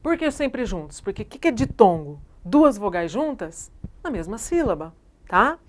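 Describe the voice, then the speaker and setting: A woman's voice: mid-range voice, very animated, normal speed. A woman with a Brazilian Portuguese accent, a teacher giving a recorded grammar lesson who explains patiently and keeps checking in with her students through short tag questions.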